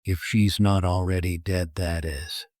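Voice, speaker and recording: A man's voice: deep voice, steady tone, darkish tone, no echo, studio quality. A man voicing a cruel, sleep-starved killer in a horror story, with a taunting, menacing manner. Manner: taunting, menacing, drawn-out repetition. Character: murderous, sleep-starved criminal, gloating and cruel. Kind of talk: acted dialogue in horror storytelling.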